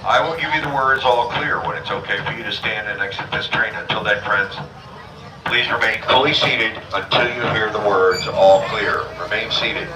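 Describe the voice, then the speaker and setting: A man, a train conductor, giving steady and repetitive live safety instructions over an outdoor loudspeaker. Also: on the low side, normal speed. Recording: echoey distant public-address with noise.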